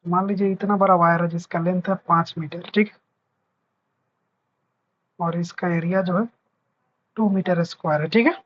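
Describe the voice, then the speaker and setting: A man's voice: sits high, steady tone, moderate pace, pauses often, a bit bright, highs cut off. A man teaching a physics lesson, patiently repeating points and checking that his students understand. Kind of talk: explaining a lesson.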